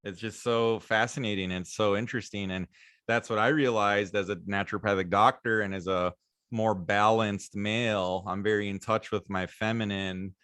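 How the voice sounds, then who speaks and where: A man in his thirties hosting a podcast, talking calmly and reflectively with frequent affirmations. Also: fairly low pitch, normal speed, clean tone, dry recording. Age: 30s. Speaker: podcast host, naturopathic doctor. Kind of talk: casual interview chat.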